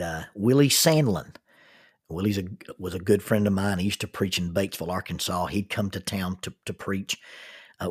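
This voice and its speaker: A man telling a folksy story in a sermon, unhurried and full of restarts. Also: low-pitched, breathy edge.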